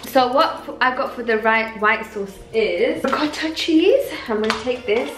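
A young adult woman vlogger with a slightly high, fairly bright voice talks at a normal pace. She rambles cheerfully to viewers while cooking in her home kitchen for a casual cooking vlog. The kitchen sounds roomy and echoey, with faint music playing behind her.

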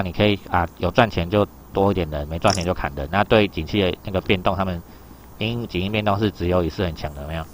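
A man's voice: low-pitched, slight background noise. A man teaching an exam reading lesson, explaining in a loose chatty way and keeping asking his students whether they follow. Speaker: Japanese teacher.

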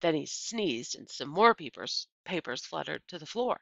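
Reading a children's novel in a teacherly way, a middle-aged woman narrates with expressive, deliberate delivery and emphasized key words in a deep, creaky voice. The sound is dull and lo-fi, from a computer microphone, with no room sound despite the small bookshelf-lined room.

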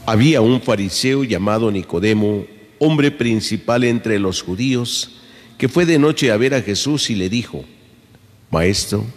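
A man serving as priest, reading the gospel and preaching at Mass with a measured, solemn delivery, his voice ringing with cathedral echo in a large church. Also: medium pitch. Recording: long church reverb.

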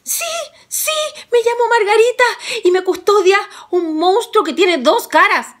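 A woman doing a fretful, high-voiced young princess. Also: measured pace. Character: weeping second princess, young girl.

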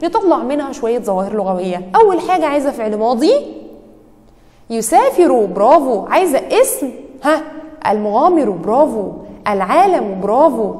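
A woman teacher with an Egyptian Arabic accent leads a children's lesson in a high, bouncing voice that leaps up and down in pitch. She quizzes the pupils and cheers each answer, and her voice trails off in a long reverb. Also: big pitch swings, a little mellow. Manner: quizzing, praising each answer with quick "bravo". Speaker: primary school teacher.

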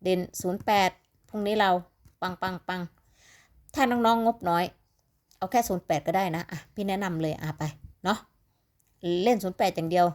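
A woman's voice: medium pitch, moderate pace, long pauses, darkish tone. A woman with an Isan accent from northeastern Thailand, chatting casually and ramblingly to her viewers as she tips lottery numbers, sounding sleepy. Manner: chatty, rambling, calls viewers "little siblings".

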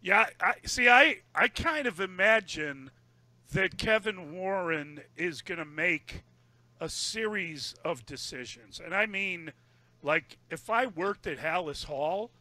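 Emphatic high, bright male radio host. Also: expressive, takes it slowly, no room sound. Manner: emphatic, pointed opinions. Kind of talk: postgame radio talk.

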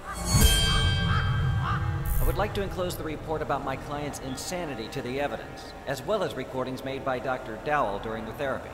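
Actor as a declaiming lawyer, wildly swinging pitch. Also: male voice, huge pitch swings, normal speed. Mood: formal. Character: formal male defence lawyer in a horror game. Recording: echoing hall reverb, loud music.

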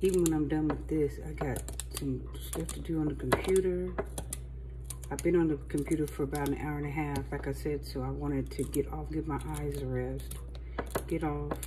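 Filmed on a phone at her home kitchen counter at night, a middle-aged woman vlogger talks casually and encouragingly as she chops vegetables. She speaks at normal speed in a low, steady voice, with background noise present.

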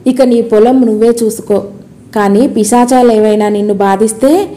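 A woman's voice: fairly high pitch, moderate pace, mellow, natural voice. A woman reading as a teasing male hill spirit. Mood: taunting.

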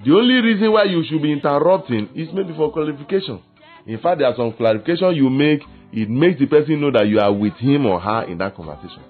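Pastor preaching through a tinny line. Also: male voice, on the high side, fast talker. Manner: lively preaching with acted quotes and laughter. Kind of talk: sermon. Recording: tinny phone-like sound with faint music.

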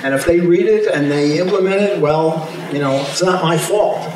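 An older economist with a slightly high, somewhat mellow voice speaks at a moderate pace, far from the recording mic. On a large hotel ballroom stage with a handheld mic, he gives a chatty, informal convention talk with wry asides he finds amusing, and the camera picks up the ballroom's echo.

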